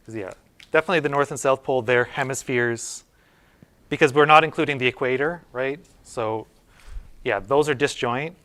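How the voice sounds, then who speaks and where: A man's voice: mid-range voice, moderate pace, fairly bright tone. Man giving a casual university math lecture. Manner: informal, thinking aloud with many fillers and restarts. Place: lecture room.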